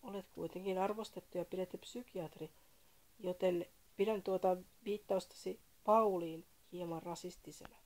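A woman's voice: on the low side, steady tone, a little mellow, slight background noise, lightly acted. A woman voicing a fussy male caller who lectures about history in a read-aloud story, prim and indignant. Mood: lecturing.

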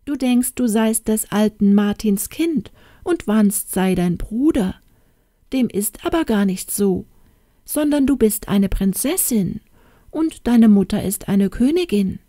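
A woman voicing an old hen in a fairy tale reading, pleading at first and then confiding in a gossipy, sometimes hushed way. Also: mid-range voice, expressive, slow pace, no echo, studio quality, pitched above the performer's own voice. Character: old hen, pleading then chatty nurse who tells secrets.

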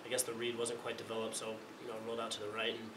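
A man's voice: on the low side, completely flat delivery, racing. A young man, a college quarterback, answering press questions after a game, often restarting and repeating words, speaking into a table mic in a press room. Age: young adult. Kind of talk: postgame press conference answers. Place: press conference room, indoors. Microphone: table mic in front of him. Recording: echoey room, distant mic, background noise.

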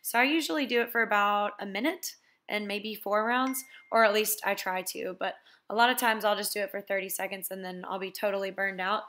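A young woman, a fitness vlogger, casually talking viewers through glute exercises in a relaxed, chatty way. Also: medium pitch, a little fast. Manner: relaxed, chatty instruction with "basically" and "so". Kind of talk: casual workout walkthrough voice-over.

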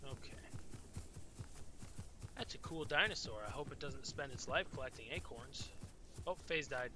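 A man with a medium-pitched voice at normal speed live-streams a game, giving casual commentary. Tired and yawning, he rambles loosely to chat and swears often.

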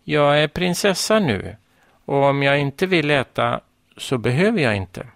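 Small girl, stubborn and serious, high pitch, played by a male reader. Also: sing-song, vocal fry, a bit bright, no room sound, clean studio sound, exaggerated voice. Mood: solemn. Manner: solemn and stubborn. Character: stubborn little girl playing princess. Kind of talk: storybook reading.

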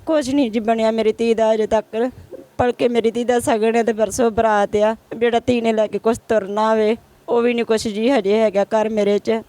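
A woman, the mother of the bride, answers a reporter's questions in an even, flat tone. Her voice is clear and smooth as she names the absent relatives one after another. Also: a little high, moderate pace, no echo. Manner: lists missing relatives one by one. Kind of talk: emotional interview answers.

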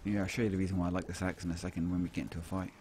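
A gaming channel host with a low voice chats and jokes casually at a racing pace while playing a co-op game with a friend. He's playful and jokey, full of lively exclamations, against a noisy background.

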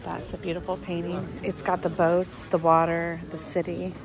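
A woman's voice: on the low side, level tone, moderate pace. A woman vlogger with her early-morning voice, chatting enthusiastically as she shops an outdoor flea market and now and then dropping to a whisper. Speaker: vlogger and host. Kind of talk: casual shop-along vlog. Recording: background music under the voice. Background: music.

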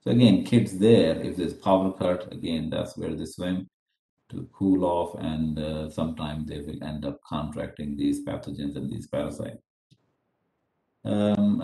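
A man's voice: deep voice, gravelly, mellow, echoey room. A middle-aged man from Pakistan giving an unscripted webinar lecture over a video call, with many fillers and restarts. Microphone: webcam video call.

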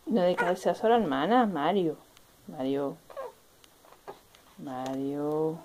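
A woman's voice: deep voice, slow pace, background noise. A mother from Spain talking baby talk to her infants in a home video, cooing and repeating little sing-song words, now and then bursting into playful squeals. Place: family home.

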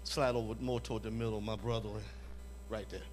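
In a church hall before a live conference audience, an evangelism leader delivers a sermon in a lowish, darker voice with a flat, brisk delivery and a faint hiss or hum in the background. He drives his points home, repeats phrases, and keeps asking the listeners for an "Amen?"

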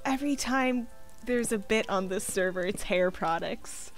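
A woman's voice: medium pitch, measured pace, soft background music. A young woman streaming a game, chatting casually, giggling and reading chat aloud.

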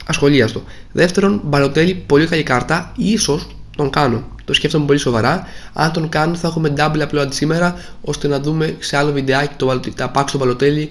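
Casting note: young male gaming creator, somewhat high voice, slightly hoarse, grumbling and let down. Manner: grumbling, disappointed, repeats himself. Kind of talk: casual gameplay commentary.

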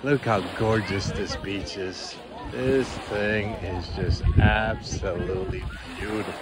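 A man's voice: lowish voice, fairly even intonation, slow. Easygoing man vlogging on a beach. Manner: easygoing, chuckling, marveling. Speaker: travel vlogger. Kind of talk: walking tour narration. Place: outdoors on a tropical beach. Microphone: phone camera held while walking. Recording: outdoor wind and water noise.

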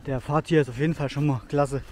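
Hiking through rocky woods, a thirtysomething man reviews his outdoor gear with enthusiasm, chatting casually and using frequent fillers. He talks fast in a slightly high voice with a steady tone, against a noisy background.

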